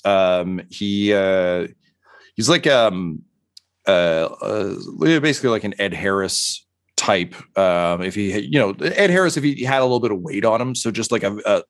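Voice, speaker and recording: A man narrating as game master of a tabletop game, halting with many fillers. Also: low voice.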